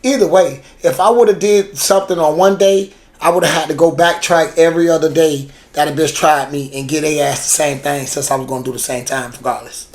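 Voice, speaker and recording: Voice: medium pitch, fairly even intonation, brisk, hardly any pauses, a little hiss or hum. A podcast co-host in casual chat who swears freely, talks in slang and repeats words while thinking.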